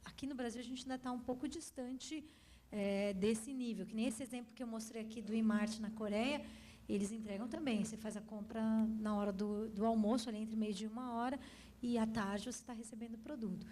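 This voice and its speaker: A woman's voice: on the high side, steady tone, a little fast, dark tone, a little hiss or hum. A woman with a Brazilian accent speaking at a conference, answering audience questions in an explanatory way with examples.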